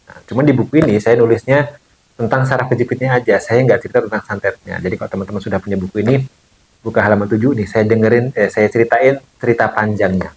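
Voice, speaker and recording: A man's voice: on the low side, poor audio. Man casually telling a clinic story. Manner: casual, relaxed storytelling with fillers and quoted dialogue. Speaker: bone-setting therapist. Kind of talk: storytelling to viewers.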